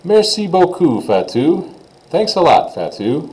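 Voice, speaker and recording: A man's voice: on the high side, very animated, unhurried, darkish tone, voice pushed up, poor audio. A man reading the lines of a young male student interviewer for a textbook dialogue, saying each question and then translating it. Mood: inquisitive. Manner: reads questions aloud then translates them.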